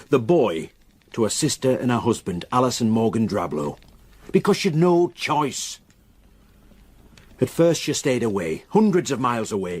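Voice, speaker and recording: A husky, medium-pitched voice belongs to an actor portraying a reluctant rural local in radio drama. He relates something dark in a slow, broken, solemn way, sombre and unwilling throughout.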